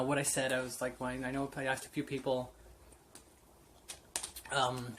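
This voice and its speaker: A vlogger in his late twenties tells a personal story to camera off the cuff, candid and rambling with plenty of fillers and restarts. His mid-range voice is a bit bright, with a little hiss or hum in the recording.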